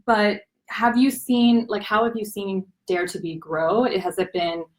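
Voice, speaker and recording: In a mid-range voice that's flat and a bit slow, a young woman chats with a guest on a casual live-streamed online series. She's friendly, affirming often while asking lengthy, meandering questions.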